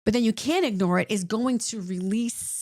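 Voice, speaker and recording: A woman's voice: fairly high pitch, moderate pace, no room sound, clean studio sound. A woman clinician co-hosting a podcast, explaining points in a conversational way and often checking in with "right?". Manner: animated, repeats points with "right?".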